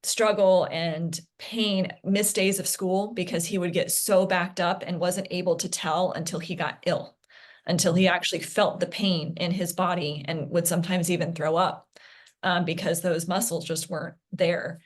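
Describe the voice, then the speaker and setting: A woman speaking as an interview guest, a parent recounting her son's health journey in an earnest, halting way with frequent restarts. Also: fairly low pitch, fairly even intonation. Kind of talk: candid interview conversation.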